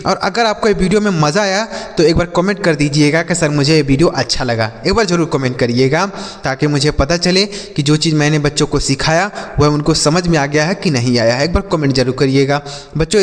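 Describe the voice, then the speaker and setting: A male teacher giving a slow spelling and phonics lesson for children, spelling letters aloud and asking questions before answering them himself. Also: fairly high pitch, big-room sound. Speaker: English teacher.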